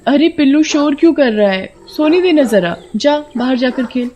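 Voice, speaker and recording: Woman doing an excitable plant-loving young wife. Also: on the high side, muffled recording, noisy background, lightly acted. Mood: sleepy. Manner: excitable, quick to scold. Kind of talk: animated story voice acting.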